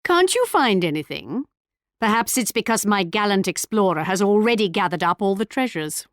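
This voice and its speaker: A woman's voice: mid-range voice, sing-song, moderate pace, no echo, clean studio sound, close to an everyday voice. A woman playing a haughty, sly English queen in a video game, with a regal, arch and mock-polite manner. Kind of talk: video game character voice lines.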